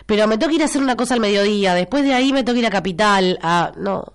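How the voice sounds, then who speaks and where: Racing along in an animated, medium-pitched, clean-toned voice, a young Argentine radio host chats through a morning show in her studio, reading out listener messages. Her nose is stuffed up and a cough breaks in now and then; she speaks Argentine Spanish expressively and repeats her lines for emphasis.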